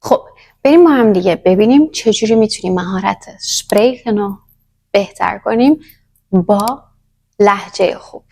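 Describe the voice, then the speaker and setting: A woman's voice: mid-range voice, pauses often, warm tone. A woman teaching a language in a casual, chatty lesson, talking straight to the viewer. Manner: chatty, addresses viewer directly.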